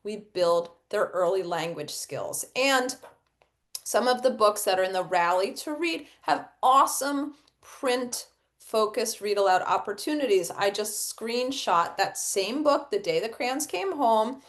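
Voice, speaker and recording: Explaining step by step to an audience of educators, a middle-aged woman asks questions and then answers them in her instructional webinar, which features acted read-aloud examples. Her medium-pitched voice is animated and measured in pace.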